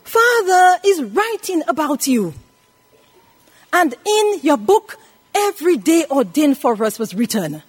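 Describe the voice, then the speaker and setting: A woman in her eighties teaches a sermon from scripture, her high voice sing-song and her pace measured. She emphatically repeats phrases and puts questions to her listeners.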